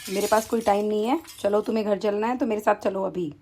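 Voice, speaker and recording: A woman's voice: mid-range voice, fairly even intonation, quick pace, darkish tone, slight background noise, natural voice. Woman voicing an indignant young son-in-law. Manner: reproachful, agitated. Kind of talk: animated cartoon voice acting.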